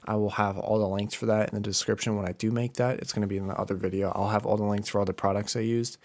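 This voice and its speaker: A man's voice: fairly low pitch, flat delivery, quick pace, darkish tone, no echo. A tired young man casually talking his viewers through crypto price charts, rambling with fillers and restarts. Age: young adult. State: tired from lack of sleep. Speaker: crypto YouTuber. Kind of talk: casual screen-share commentary.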